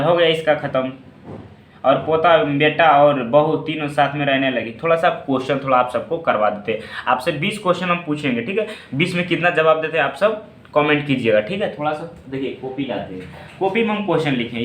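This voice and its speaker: A male tutor walks students through a story in casual classroom style. He keeps posing quick questions and answering them himself. His slightly high voice rings in a roomy space. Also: a bit bright.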